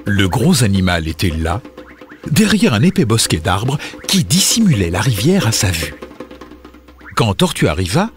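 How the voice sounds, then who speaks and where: A man narrating a children's fable, expressive and dramatic. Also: on the low side, normal speed, soft background music. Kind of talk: scripted storybook narration.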